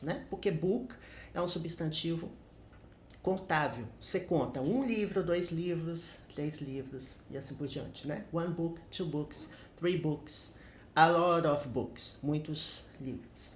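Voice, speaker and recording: Brief: male English teacher, unhurried, chatty with tag questions, roomy echo. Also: a little high, slight background noise. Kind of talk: casual grammar lesson.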